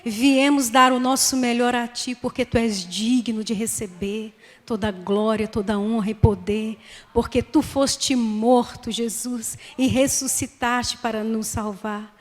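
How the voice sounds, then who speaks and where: A woman pastor with a Brazilian Portuguese accent preaching a sermon into a microphone in a church, reading scripture and praying with slow, emphatic delivery. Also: on the high side, fairly even intonation. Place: church sanctuary. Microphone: handheld microphone. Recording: long hall reverb.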